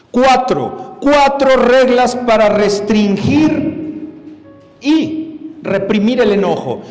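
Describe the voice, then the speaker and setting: A man's voice: high-pitched, a little mellow. A man preaching a sermon, emphatic and speaking straight to his listeners with rhetorical questions. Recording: echoey hall.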